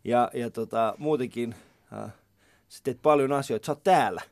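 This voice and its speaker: Speaking from a studio on a relaxed morning radio chat show, the host has a mid-range, slightly dark voice captured in a dry recording. He chats away about his own life, poking fun at himself.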